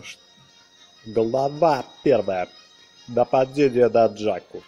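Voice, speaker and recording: Over video game music, a man with a warm, husky mid-range voice hosts a let's-play. His commentary is casual and chatty, and he explains things hesitantly as he plays.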